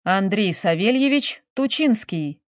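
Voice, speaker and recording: A woman's voice: mid-range voice, unhurried, no echo, close to an everyday voice. A woman reading a story, voicing a dry, terse old male butler who answers in short, grumbling phrases. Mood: curt. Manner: curt and grumbling.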